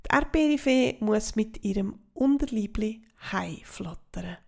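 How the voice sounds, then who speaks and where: Swiss German woman reading a children's story, slow and soft, gravelly. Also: mid-range voice, lively intonation. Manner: soft, half-whispered narration.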